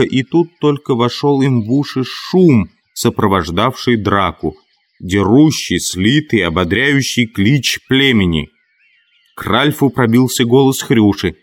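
A man reading a novel aloud as audiobook narrator, with expressive, dramatic delivery. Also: fairly low pitch. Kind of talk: scripted narration.

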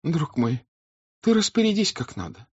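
A man's voice: on the high side, sing-song, normal speed, slightly rough, no echo, dull audio, pitched above the performer's own voice. A man voicing a flustered older countess who speaks in a plaintive, fretful way.

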